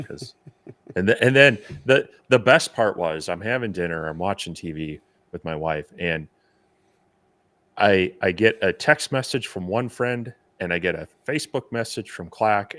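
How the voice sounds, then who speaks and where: A man co-hosting a live stream, chatting casually and explaining things in a measured way. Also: deep voice, fairly bright tone. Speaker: co-host.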